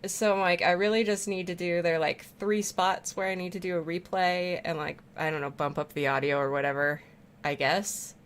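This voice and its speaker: A woman's voice: lowish voice, steady tone, moderate pace, clear, resonant tone. A woman streamer chatting casually while playing a game, rambling, swearing freely and laughing often. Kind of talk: casual chat while gaming.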